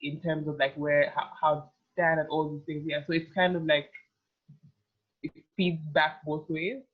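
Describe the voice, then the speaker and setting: Heard over a tinny phone-like line, a woman in her twenties from Uganda speaks at a moderate pace in a low voice with little pitch movement. She's a fashion model guesting on a casual interview, rambling with lots of "like."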